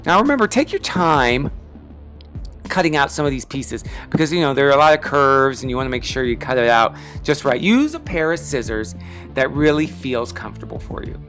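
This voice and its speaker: Backed by music, a man hosts a casual step-by-step craft lesson, chatty, enthusiastic, and self-deprecating. A sore tongue slightly impedes his articulation. His mid-range voice is very animated, brisk, and a bit bright.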